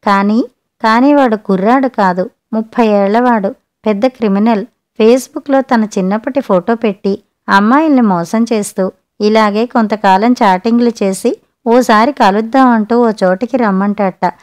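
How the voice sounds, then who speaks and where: A woman narrator voicing a grown son who explains things to his mother softly and slowly. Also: on the high side, close to an everyday voice. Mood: weary. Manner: soft, measured. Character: calm grown son, gentle and weary.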